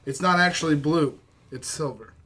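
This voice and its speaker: A man's voice: a little high, normal speed, pushed and bright. A man hosting a casual podcast, teasing his co-hosts and laughing often. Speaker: podcast host. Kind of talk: casual chat.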